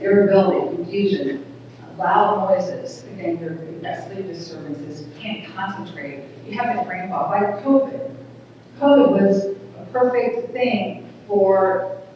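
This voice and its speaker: A middle-aged woman with a small, thin voice giving an earnest public talk at a community event, speaking plainly with halting restarts. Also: medium pitch, far from the mic, slight background noise. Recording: echoey hall recorded from afar, dull.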